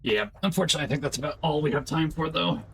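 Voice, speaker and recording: A man's voice: a little high, very fast, gravelly, a bit bright. A man giving casual live commentary as he streams a video game.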